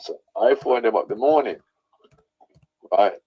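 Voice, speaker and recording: A man with a Jamaican accent and a husky voice, ranting as a caller to a radio show, insistently repeating his points with tag questions. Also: mid-range voice, animated, unhurried, dark tone. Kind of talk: opinionated radio call-in rant. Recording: dull lo-fi sound.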